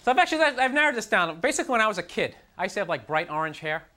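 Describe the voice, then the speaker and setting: A young man doing a stand-up routine on a TV studio stage, exasperated and self-mocking, jumping up into high mocking voices. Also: very animated, rapid-fire. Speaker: stand-up comedian. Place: TV studio stage with live audience. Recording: noisy, with loud audience laughter.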